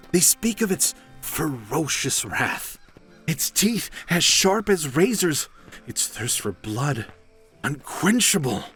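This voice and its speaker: Man doing a dramatic wizard guy, doom-narrator voice, slow and swoopy. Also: fairly high pitch, fairly bright tone. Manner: grandiose, ominous storytelling tone. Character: theatrical male wizard companion who loves dramatic narration. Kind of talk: comedic fantasy audio drama.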